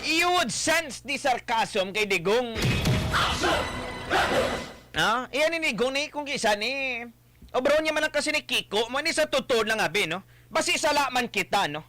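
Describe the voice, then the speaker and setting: A man's voice: very high voice, animated, normal speed, pushed and bright, slight background noise. A man hosting a radio commentary show, chatty and wry, with a tag question at the end of many remarks. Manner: chatty, sarcastic asides, frequent tag questions. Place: radio studio.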